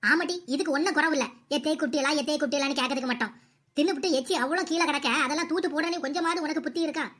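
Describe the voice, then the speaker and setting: A woman with a high voice rattles off lines at speed, playing a domineering mother-in-law in an animated comedy. She nags and scolds with a sharp tongue.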